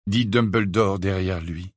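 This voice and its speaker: Husky man reading an audiobook. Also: sits low, a little slow, no room sound, studio quality. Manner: expressive, dramatic reading. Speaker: audiobook reader. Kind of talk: scripted narration.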